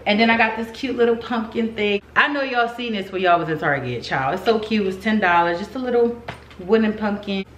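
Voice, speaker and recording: A woman vlogger chatting casually to her viewers in slangy, informal speech with drawn-out emphatic words. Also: mid-range voice, lively intonation, a bit bright. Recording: roomy echo, some background noise.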